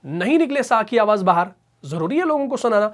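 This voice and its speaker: A man teaching a tajweed lesson. He explains pronunciation briskly and drills syllables slowly and repeatedly. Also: high-pitched, big pitch swings. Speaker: Quran recitation teacher. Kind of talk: tajweed lesson with recitation examples.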